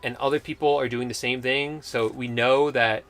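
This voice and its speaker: Bright-voiced man co-hosting a live chat. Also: medium pitch, normal speed. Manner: relaxed, reads out viewer comments and answers them. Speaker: co-host reading viewer comments. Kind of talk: casual live-stream chat.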